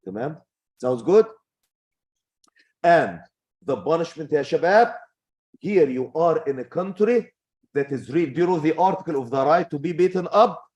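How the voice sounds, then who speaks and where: A man's voice: a little high, lively intonation, normal speed, long pauses, darkish tone, slightly rough, muffled recording. A man teaching a youth religious circle as sheikh, speaking directly and admonishingly and asking rhetorical questions.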